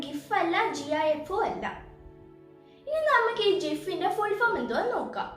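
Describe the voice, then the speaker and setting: Lady teaching how to say words, really high lively voice, slow, asks you first then tells you. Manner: quizzes viewers, then gives the answer. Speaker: channel host. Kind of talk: bilingual pronunciation tutorial. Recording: very echoey room, far from mic, faint music.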